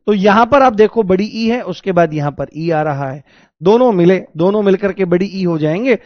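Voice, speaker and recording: A high-voiced man leads an exam-prep grammar lesson. He explains each step, repeats the key words and calls out questions to his students. The sound is dry and slightly dull. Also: animated, normal speed, dry recording. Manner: addresses students as "babu" and "babuji". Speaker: Hindi teacher.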